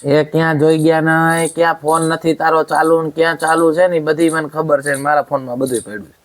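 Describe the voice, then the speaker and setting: A man's voice: a little high, little pitch movement, fairly quick. Man, angry husband in a home drama, scolding and accusatory, keeps demanding "right?".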